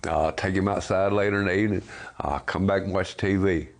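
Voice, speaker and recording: A man's voice: low voice, steady tone, a little fast. A man, speaking bluntly in a documentary interview about his life after death row. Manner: plainspoken, blunt. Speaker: exonerated death row prisoner.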